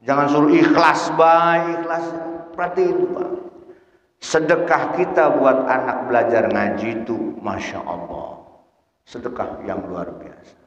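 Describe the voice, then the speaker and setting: A man's voice: mid-range voice, fairly even intonation, a little slow. A man preaching a humorous sermon, telling stories and addressing the men in the audience directly. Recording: dull echoey hall recording.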